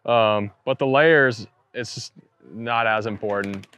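A man in his thirties, a poultry farmer, explaining his operation in a relaxed, matter-of-fact way during an outdoor farm tour. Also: lowish voice, slow, smooth, dull audio. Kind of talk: casual farm tour talk. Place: outdoors on a farm pasture beside a coop.

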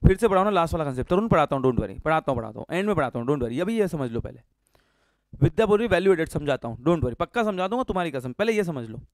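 A man's voice: on the high side, big pitch swings, rapid-fire, no room sound. A man teaching a live online commerce class, joking and telling stories, quizzing students and mixing in English phrases. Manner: mixes Hindi with English phrases.

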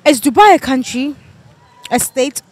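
High-voiced Ghanaian woman hosting street quiz. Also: expressive, measured pace. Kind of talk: street interview. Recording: loud music over the voice. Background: loud music.

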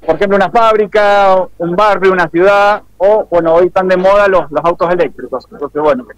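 A man's voice: high voice, fairly quick, no echo, poor audio. A man explaining an electrical engineering display, hesitant and searching for words.

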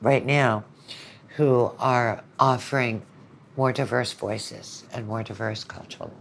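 A very deep female voice with vocal fry and fairly even intonation moves slowly, over slight background noise. The speaker is a middle-aged lecturer, a guest, giving her opinions conversationally with anecdotes and quoted asides. She's analytical and opinionated, quoting imagined speakers.

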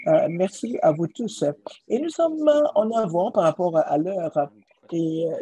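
A man giving simultaneous interpretation of a panel discussion, halting, with frequent restarts and repeated words. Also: a little high, warm tone, husky, low-quality recording. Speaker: conference interpreter.

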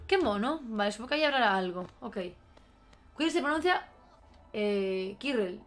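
Excitable Spanish woman streaming a game. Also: a little high, moderate pace. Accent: Spain Spanish. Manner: excitable, exclamatory, swears often. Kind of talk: live gameplay commentary. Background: faint game music.

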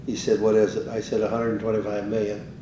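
A man's voice: completely flat delivery, fast talker. Older man telling rambling stories, roomy. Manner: rambling anecdotes, acts out quoted dialogue. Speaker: interviewee, business owner. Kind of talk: casual storytelling. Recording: roomy, distant mic with faint rumble.

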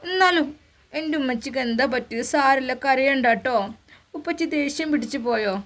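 A woman voicing a small, worried little boy who speaks softly and anxiously to comfort his mother, in a spoken story. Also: sits high, moderate pace, voice pushed up.

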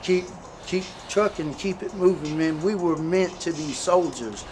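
In what sounds like an outdoor street interview, a man with a slightly high, somewhat mellow voice tells his story at a measured pace, earnest and a bit preachy, repeating "you know" again and again. Traffic and street noise are clearly audible underneath.

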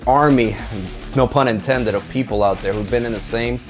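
A man in his thirties, an army medic veteran, giving a candid, profane interview in a dark studio with a joking, blunt manner. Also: mid-range voice, moderate pace. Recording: music underneath.

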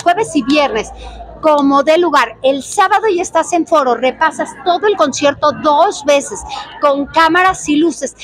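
Older woman, Mexican accent, high voice, emphatic, chatty, press interview. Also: poor audio. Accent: Mexican Spanish. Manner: animated, emphatic, chatty storytelling. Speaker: talent show judge, interviewee. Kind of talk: answering reporters in a press interview.

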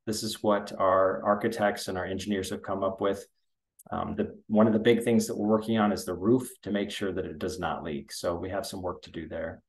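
Heard through a computer webcam mic, a middle-aged man with a deep, brisk voice and fairly even intonation goes over a board meeting agenda on a screen share. He is a school superintendent, and his informal explanations are full of ums and restarts.

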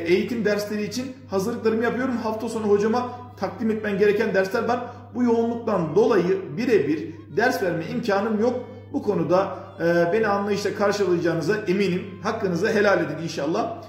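A man with a high voice talks earnestly and devoutly as he teaches, wandering through his points with many hesitations. The room is echoey, and soft music plays underneath. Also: brisk, hardly any pauses. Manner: earnest, pious, rambling with many fillers. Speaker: diction course host. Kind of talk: casual instructional talk.

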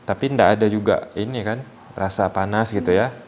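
A man working as a ruqyah healer, calmly explaining to a patient and acting out short quotes as examples. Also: fairly low pitch, a little fast, a little hiss or hum.

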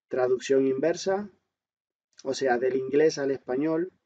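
Speaking at a measured pace in a warm, mid-range voice, a male instructor walks through a smartphone tutorial step by step while demonstrating. He explains as he goes, often asking questions and answering them himself, in a voice-over on a screen recording with dull, lo-fi sound.

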